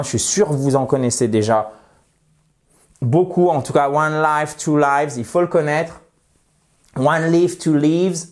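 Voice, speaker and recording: A French-speaking man teaching an English grammar lesson, slowly and emphatically repeating example words with playful asides. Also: on the high side, darkish tone. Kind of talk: lesson explaining grammar and pronunciation.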